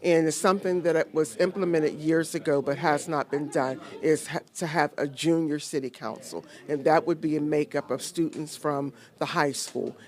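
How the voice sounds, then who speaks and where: A woman's voice: low voice, steady tone, moderate pace, hardly any pauses. A woman giving an earnest, emphatic interview to a reporter on election night. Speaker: interview guest.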